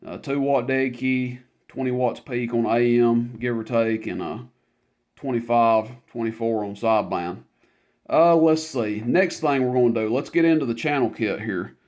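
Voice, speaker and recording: With a medium-pitched, somewhat mellow voice and a moderate pace, this man talks plainly and without a script. He's a radio seller running a relaxed demo of the gear on offer.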